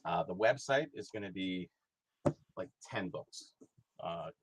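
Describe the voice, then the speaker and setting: A man's voice: low-pitched, animated, takes it slowly, slightly rough, dry recording, low-quality recording. A middle-aged man talking casually as a guest, rambling with many fillers and restarts. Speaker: guest, hobby historian and price guide author. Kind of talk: casual conversation.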